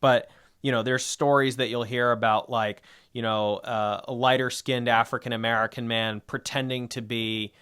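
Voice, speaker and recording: A man with a smooth, resonant voice at an ordinary middle pitch co-hosts a history discussion podcast. He rambles casually, piling up fillers and restarting his sentences as he thinks aloud. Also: level tone, moderate pace, fairly bright tone. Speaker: podcast co-host.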